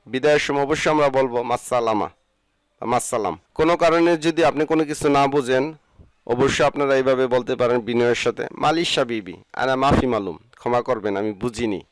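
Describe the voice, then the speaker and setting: Male language tutor, mid pitch, slow drilled phrases, dry close recording. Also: dry recording. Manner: says each Arabic phrase slowly, then gives its meaning. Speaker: Arabic language teacher.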